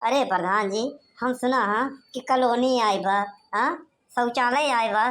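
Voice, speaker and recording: A sly Awadhi village haggler. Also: female voice, a little high, unhurried, slight background noise. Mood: pleading complaint. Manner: loud, bargaining, rustic chatter with tag questions. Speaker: villager voter. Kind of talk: cartoon comedy voice acting.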